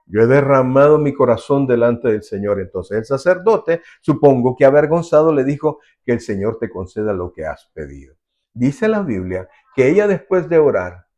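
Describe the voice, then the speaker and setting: A man's voice: mid-range voice, dark tone. A man preaching a sermon as pastor, earnestly, acting out the voices of the people in his stories.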